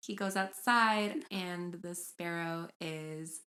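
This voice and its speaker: A woman's voice: lowish voice, slow pace. Woman co-host telling stories casually. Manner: animated storyteller, reads stories aloud. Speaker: podcast co-host. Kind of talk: casual chat and storytelling.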